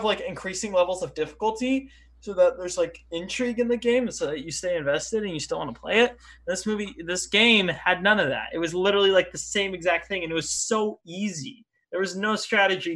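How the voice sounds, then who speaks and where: A teenage boy co-hosting a casual podcast, blunt and quick to argue as he reviews a mobile game. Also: high-pitched, a bit bright. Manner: blunt, argumentative. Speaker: podcast co-host. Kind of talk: casual chat.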